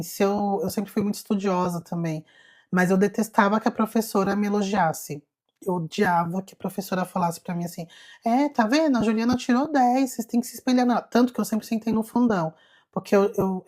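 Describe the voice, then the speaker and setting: A Brazilian woman with a Brazilian Portuguese accent, hosting a spiritual live stream and telling a personal story in an animated, confiding way, often calling out to viewers. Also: mid-range voice, a little fast. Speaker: spiritual self-knowledge host.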